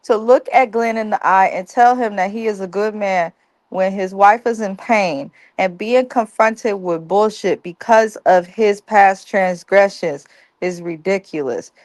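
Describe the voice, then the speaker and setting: A woman's voice: mid-range voice, unhurried, darkish tone, no echo. A woman co-hosting a TV recap, talking bluntly and profanely in a casual, ranting way. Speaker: co-host of a TV recap show. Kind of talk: casual review chat.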